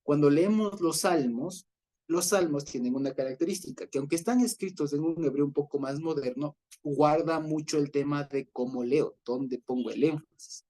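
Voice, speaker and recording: A man leading an informal Bible study, explaining patiently, checking in with his listeners and pausing on fillers as he searches for words. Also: a little high, dark tone. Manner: explanatory, often checks in with a questioning "ya?"; hesitant, with fillers and restarts.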